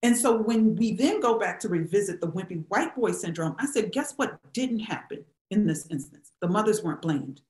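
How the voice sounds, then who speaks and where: A woman's voice: medium pitch, animated, normal speed, few pauses, darkish tone. A middle-aged woman, a historian, answering questions on a video call, speaking with emphasis and many rhetorical questions. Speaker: historian and professor, guest speaker. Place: small indoor room at home. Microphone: webcam on a video call. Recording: roomy webcam sound.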